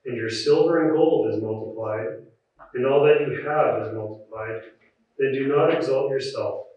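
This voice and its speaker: A man reading scripture at a church service in a measured, solemn, formal liturgical way, with an echoing cathedral-like sound. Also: mid-range voice. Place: large reverberant church. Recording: very echoey church, distant muffled mic.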